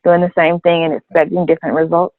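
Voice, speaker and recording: A dry, narrow, phone-like recording of a woman on a discussion panel. She lays out her opinions deliberately and articulately, in a conversational style. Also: lowish voice, little pitch movement, dry recording. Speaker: panel guest.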